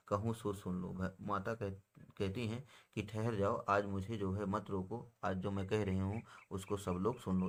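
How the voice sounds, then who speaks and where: A male teacher explaining a poem line by line. He recites each verse slowly, then restates it in plain words, and addresses viewers as friends. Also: lowish voice. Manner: addresses viewers as friends, with frequent filler phrases.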